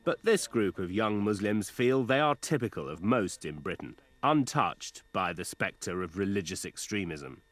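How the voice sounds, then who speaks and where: A male reporter giving scripted narration for a TV news feature in a measured, even delivery. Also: fairly low pitch.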